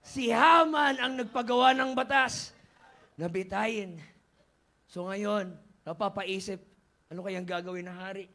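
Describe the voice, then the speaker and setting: Filipino pastor preaching a story sermon, gets loud and shouty, super high bright voice. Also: male voice, a little slow. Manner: animated, mixing English, building to shouts.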